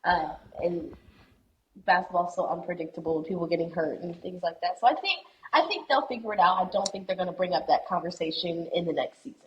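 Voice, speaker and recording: Young woman on a podcast, kinda low voice, muffled lo-fi sound. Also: brisk. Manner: talkative, thinks out loud with repeats. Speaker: podcast guest. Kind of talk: casual chat.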